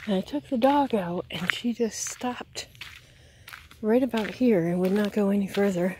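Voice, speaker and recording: A vlogger chats casually while walking outdoors along a wooded gravel driveway and yard, her voice medium in pitch and moderate in pace. She records on a handheld phone or camera, and the outdoor ambient noise comes through clearly.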